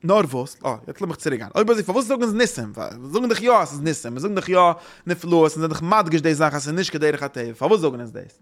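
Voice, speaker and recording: A man talks through religious ideas in a loose, informal way. His voice sits a little high, and he halts and circles back over the same phrases again and again. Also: expressive. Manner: rambling, halting, repeats phrases.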